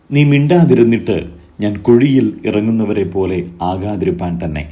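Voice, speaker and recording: A man giving a solemn scripture reading, measured and phrase by phrase, lifting his voice on each invocation. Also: on the low side, warm tone. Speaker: scripture reader.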